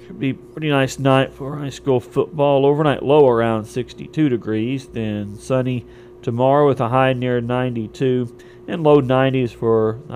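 A man's voice: mid-range voice, a little mellow. Male local radio newscaster with background hum. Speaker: local radio news and sports announcer. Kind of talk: scripted radio sports and weather newscast. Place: radio studio.

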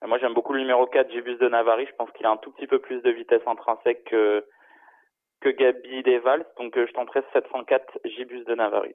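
A man calling in over a phone line, giving his horse racing picks in a steady, measured way with frequent hesitations. His voice sits at an ordinary pitch for a man, and the line makes it sound thin and tinny, like a phone patched into a radio broadcast. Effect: heard over a phone line into the studio. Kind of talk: casual radio betting chat.

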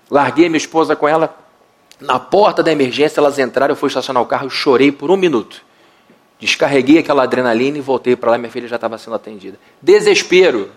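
A middle-aged Brazilian man preaching a sermon as pastor, telling the story dramatically and acting out the voices in it. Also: medium pitch. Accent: Brazilian Portuguese. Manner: dramatic storytelling, acts out quotes.

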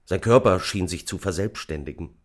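A man reading an audiobook in a measured, dramatic narration. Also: low-pitched. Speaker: audiobook reader. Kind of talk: scripted narration.

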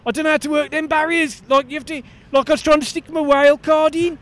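A man voicing a naive, excitable bloke in improvised comic chat, blunt, matey and a little sweary. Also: very high voice, fast talker, pitched above the performer's own voice. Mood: exasperated, chatty. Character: excitable, naive working-class bloke visiting London, easily flustered. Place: walking outdoors in a city. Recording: outdoor street with faint traffic noise.

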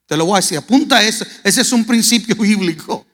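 A man's voice: high voice, expressive, brisk, fairly bright tone. A man preaching a sermon, telling a Bible story dramatically and acting out the characters' lines. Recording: echoey hall reverb.

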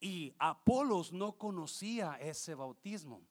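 A male pastor, preaching a passionate sermon that swings from quiet explanation to shouting, with English words mixed in. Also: high voice, expressive, slow pace.

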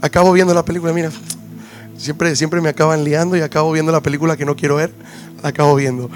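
High-voiced man preaching a sermon. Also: flat delivery, fast. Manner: emphatic, repeats key phrases. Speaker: pastor. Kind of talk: sermon with scripture reading and prayer.

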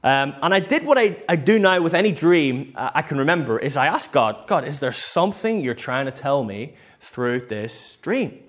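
A Northern Irish preacher delivers an informal, conversational sermon full of personal stories, quoting himself and acting out short bits of dialogue. His voice is a little high and a bit bright, very animated, at a moderate pace with few pauses.

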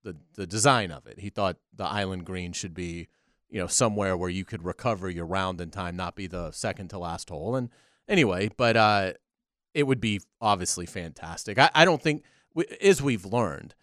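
A man co-hosting sports talk radio, giving commentary in a halting, conversational way. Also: sits low, a bit bright, no echo, clean studio sound.

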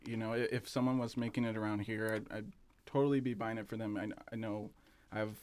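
Relaxed low-voiced man, rambling chat. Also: fast, no room sound. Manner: relaxed, rambling, many fillers and restarts, laughs easily. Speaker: café founder, interview guest. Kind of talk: casual interview chat.

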